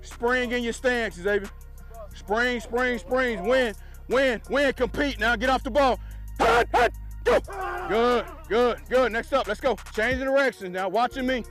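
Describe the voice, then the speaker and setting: A football coach at outdoor practice, wearing a body mic, joking with players and shouting energetic drill commands. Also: male voice, very high-pitched, a little slow, over music. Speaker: defensive line coach. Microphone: wireless body mic.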